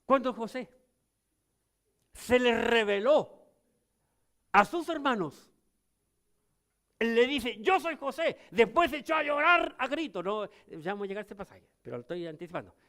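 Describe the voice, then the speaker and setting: High-voiced older Chilean pastor preaching. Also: male voice, lively intonation, moderate pace, pauses often. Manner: swings from loud emphatic lines to low quiet ones. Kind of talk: sermon.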